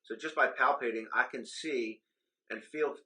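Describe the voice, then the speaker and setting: A man's voice: mid-range voice, moderate pace, sharp tone, poor audio. A man, a simulation program administrator, giving a methodical instructional walkthrough of equipment in a hospital trauma bay simulation lab. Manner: explanatory, methodical, occasional ums.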